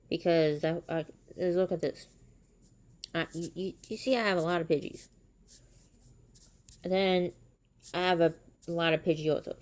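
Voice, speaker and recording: A woman streams herself playing a mobile game, chatting casually and rambling. Her voice sits a little low for a woman, and it jumps up into shocked, animated exclamations. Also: clean tone.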